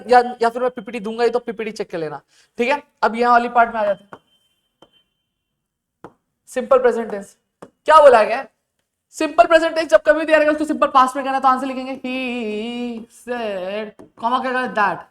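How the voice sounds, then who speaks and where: Guy teaching grammar, asks a question then answers it slow, mutters while writing. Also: very high-pitched, fairly bright tone. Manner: keeps asking quick questions, then dictates answers slowly. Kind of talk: recorded grammar lesson.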